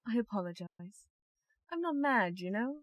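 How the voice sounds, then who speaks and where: A woman's voice: on the high side, very animated, normal speed, dry recording. A woman voicing the Doctor, an alien time traveller whose mind is unravelling, in an audio drama. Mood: remorseful. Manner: anguished, pleading, erupts into shouts.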